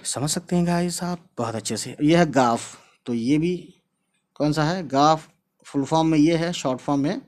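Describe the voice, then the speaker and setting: Male teacher, casual lesson, spells out each word, repeats it several times, mixes in English words. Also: fairly high pitch. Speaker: Urdu teacher.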